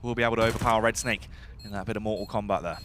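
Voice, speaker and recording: A man commentating live on a shooter match as an esports caster, excitable and urgent as play unfolds. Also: on the low side, very fast. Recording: gunfire and game noise behind voice. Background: shooter game gunfire and clicks.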